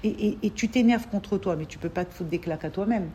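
A woman teaching an informal religious class to a group of women, animated, repeating words and acting out little dialogues as she explains. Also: medium pitch, fast talker, background noise.

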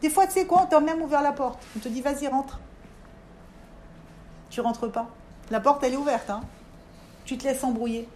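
A woman teaching a religious class to a group of women, animated and talking straight to her listeners. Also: high voice, normal speed, long pauses, slight background noise. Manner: animated, talks straight to listeners, acts out inner voices. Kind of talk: lively spoken religious lesson.

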